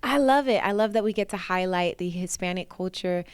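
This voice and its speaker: A woman in her thirties talks casually as a guest in an interview and laughs often. Her voice is very smooth and clear. The sound is dry and close. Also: lowish voice, a little fast, no echo. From New York, USA. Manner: warm, chatty, laughs often.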